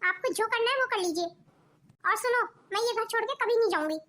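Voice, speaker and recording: A woman's voice: very high voice, lively intonation, a little fast, sharp tone, full character voice. A woman voicing a firm, outspoken young wife in a cartoon family drama. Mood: defiant. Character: defiant young village-bred wife. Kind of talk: cartoon voice acting.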